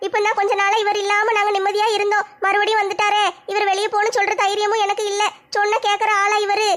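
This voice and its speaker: A woman playing a young college-age daughter in a comedy skit, standing up to her drunken father. Her voice is very high, bright and quick, held on a narrow, insistent tone. She scolds and pleads by turns. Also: completely flat delivery. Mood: defiant.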